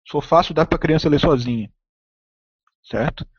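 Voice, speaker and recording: A man's voice: on the high side, moderate pace, slight background noise. A man giving an opinionated lecture, speaking emphatically and checking in constantly with tag questions. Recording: dull, dry lo-fi recording.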